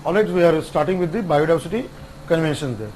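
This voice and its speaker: High-voiced teacher. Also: male voice, animated, darkish tone, slight background noise, rough recording. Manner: repetitive, spells out acronyms slowly. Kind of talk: online exam-prep lecture. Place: classroom with whiteboard.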